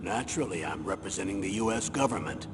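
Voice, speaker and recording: An actor playing a grave military colonel in a video game, delivering a commanding briefing. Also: male voice, low-pitched, expressive, fast talker. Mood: firm, matter-of-fact. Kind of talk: scripted video game voice acting. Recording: echoey hall, noisy ambience.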